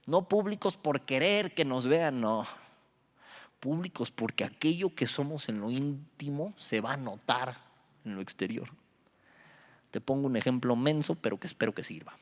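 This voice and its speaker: A man's voice: medium pitch, moderate pace. A young man, preaching at a youth Bible study, telling stories with acted-out dialogue and joking with the audience. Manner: animated storytelling, acts out dialogue, jokes with the audience. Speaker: youth pastor. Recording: reverberant hall.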